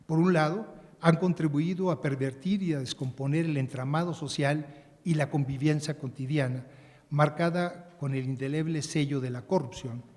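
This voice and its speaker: A man giving a measured, formal prepared speech as a panelist, with occasional restarts. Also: fairly high pitch, darkish tone. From Mexico. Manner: measured, reading a prepared text, some restarts. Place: large conference hall. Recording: conference hall with long reverb.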